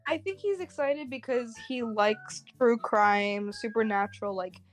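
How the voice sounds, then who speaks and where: A woman's voice: fairly high pitch, unhurried, soft background music. A young woman chatting casually on a livestream about writing her game, rambling through many fillers. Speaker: streamer and game writer.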